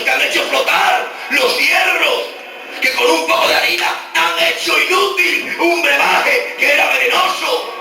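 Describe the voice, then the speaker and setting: A high-voiced Spanish preacher with a Spain accent, his lively delivery swinging from shouts to near whispers. The sound comes from an old cassette dictaphone recording made far from the pulpit in a large church hall. Heavy echo fills the hall, and clear music runs behind him. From Spain, Extremadura. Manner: dramatic, swings from shouting to hushed low tones. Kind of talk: Pentecostal-style sermon. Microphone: handheld dictaphone in the congregation. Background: music and congregation responses.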